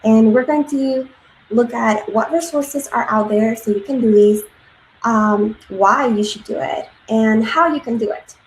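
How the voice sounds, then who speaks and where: Her pitch is fairly high and her pace unhurried as this earnest woman presents at a conference. In her thirties and raised in Peru, she uses lots of ums and uhs, while the room echoes and faint noise lingers on the recording.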